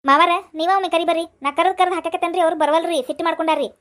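A dutiful young cartoon daughter-in-law, voiced by a woman, chatters and pleads with a North Karnataka accent. Her voice is very high and quick. Her manner stays fussing and earnest. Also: steady tone, a bit bright. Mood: chatty pleading. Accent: North Karnataka Kannada.

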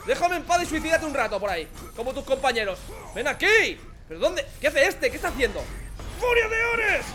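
A young man with a Spain Spanish accent, joking and shouting excitedly as he commentates a video game. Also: extremely high pitch, fast talker. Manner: excitable, jokey, shouts at enemies. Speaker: gaming commentator. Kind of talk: let's play commentary.

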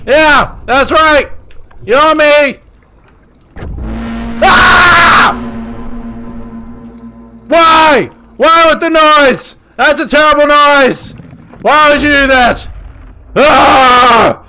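A man shrieks and yells in a very high, piercing, bright voice while he plays. He drags out his panicked words slowly. Faint game music plays behind him. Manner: panicky, constantly screaming and yelling at enemies. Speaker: gaming YouTuber. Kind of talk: screaming horror game commentary.

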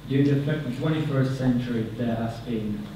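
A man in his thirties with a Finnish accent giving a conference presentation at a podium microphone, halting and repeating words, his phrases trailing off. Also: mid-range voice, background noise. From Finland. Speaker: conference speaker. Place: conference hall, indoors. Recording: echoey hall, picked up from far off.

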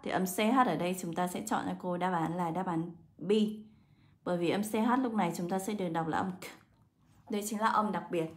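A woman English teacher, walking students through exam answers step by step and slowing down to read English words aloud. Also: fairly low pitch. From Vietnam. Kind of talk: exam answer walkthrough lesson.

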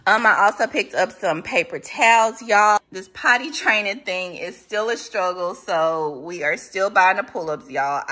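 A Southern woman in her thirties vlogs casually to camera, showing off her groceries and chatting away with frequent "y'all"s. She has a Southern accent, and her voice is lowish with a fairly bright tone.

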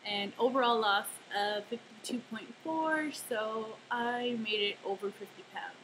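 A woman's voice: a little high, unhurried. A woman talking casually to her camera at home in a rambling video diary, with lots of fillers and self-deprecating asides. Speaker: vlogger. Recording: noisy home camera recording.

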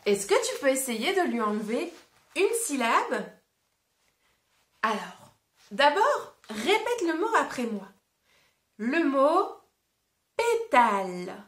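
A woman's voice: high voice, sing-song, slow pace, long pauses, reverberant. A woman reading a picture book aloud to a child, patiently stopping to ask questions and play word games. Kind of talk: interactive read-aloud.

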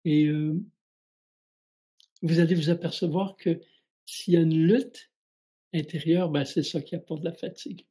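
A middle-aged man speaks as a spiritual guide on a live show, answering questions from his audience. His voice is mellow and a little husky. He talks calmly and reflectively, addressing each listener directly. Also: fairly high pitch, unhurried, pauses often.

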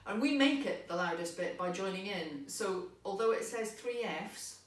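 A woman's voice: medium pitch, animated, moderate pace. A woman music tutor giving cheerful, encouraging step-by-step instructions to young players. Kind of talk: friendly instructional talk. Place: unfamiliar large venue. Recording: echoey venue, voice from a distance.

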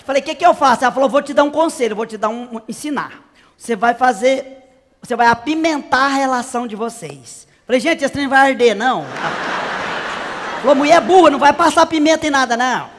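A man's voice: very high-pitched, expressive, fairly quick, in a large hall, background noise. A man playing a brash, naive country woman from the interior, telling a comic story in character. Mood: gossipy. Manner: chatty, exaggerated, squealing cries. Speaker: comedian.

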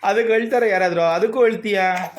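A father and vlogger with a fairly high, expressive voice chats casually with his young daughter at a moderate pace. He coaxes her and gently scolds her, asking question after question, with slight background noise present.

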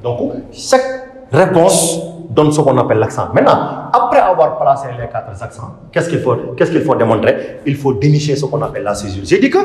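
A man's voice: medium pitch, big pitch swings, brisk, darkish tone. A male literature teacher from Senegal, lecturing on poetry in a didactic way, often repeating himself and asking and answering his own questions. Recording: echoey room with long reverb.

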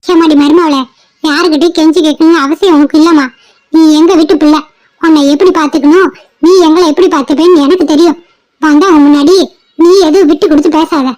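A middle-aged cartoon mother, firm and protective, who scolds and pleads in turn, as a woman acts her out. Her voice sits high and carries a steady, earnest push. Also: brisk, natural voice. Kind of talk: cartoon family drama voice acting.

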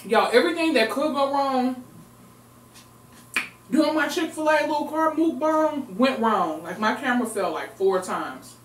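Her voice sits high and animated yet unhurried as this young woman eats on camera for a casual mukbang vlog, mixing expressive chat with murmured eating sounds. Recorded by a camera mic at a distance in her echoey home recording room, she sounds far off, with a little hiss or hum.

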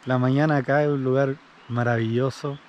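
A man's voice: mid-range voice, brisk, lo-fi sound, a little hiss or hum. A young man, chatting casually to a handheld camera on a rural trail while camping. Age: young adult. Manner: relaxed, chatty, explaining to camera. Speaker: vlogger. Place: outdoors on a rural hiking trail. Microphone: handheld camera at arm's length.

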